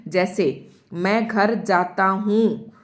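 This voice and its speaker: A woman teaching a Hindi grammar lesson to her students online. She explains each term step by step and repeats her example sentences slowly, speaking straight to the learners. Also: mid-range voice, fairly even intonation. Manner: addresses students directly.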